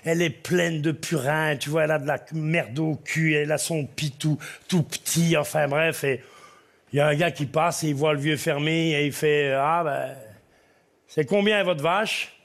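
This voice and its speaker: A man's voice: a little high, little pitch movement, normal speed, gravelly. A man telling jokes on stage, rambling with digressions. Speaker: stand-up comedian. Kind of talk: live joke-telling.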